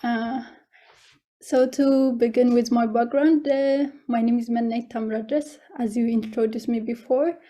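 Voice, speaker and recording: Presenting informally in an online video meeting, this young scholarship student speaks with an Ethiopian accent in a highish, warm, steady voice at an unhurried pace. She sounds hesitant and frequently repeats herself.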